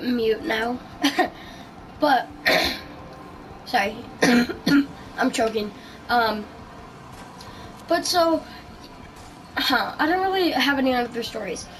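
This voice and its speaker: A woman hosting a casual podcast chat, rambling through her story. Her voice sits high and she takes her time, pausing on plenty of ums and likes. There is a faint hiss behind her. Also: a bit bright, poor audio. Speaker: podcast host.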